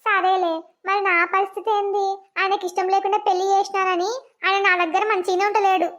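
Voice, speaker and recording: A woman voicing a patient, pleading young village bride in a cartoon, with a high, thin voice. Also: little pitch movement, quick pace, dull audio, crowd noise.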